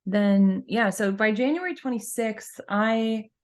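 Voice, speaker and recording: A woman co-hosting a podcast, explaining events in a measured, reflective way with dry, wry asides. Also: medium pitch, darkish tone. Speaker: podcast co-host. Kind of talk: casual podcast chat.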